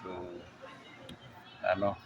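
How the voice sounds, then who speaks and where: A man hosting a casual vlog, joking and rambling, tagging his phrases with 'no?', a bit hoarse after a recent illness. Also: extremely slow, highs cut off, music in the background. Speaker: motovlogger host. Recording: vlog with loud background noise.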